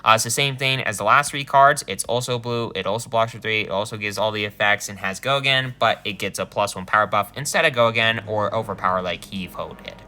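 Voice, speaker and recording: A man reviewing cards casually, animated and quick to laugh, often correcting himself as he goes. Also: on the low side. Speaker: card game reviewer.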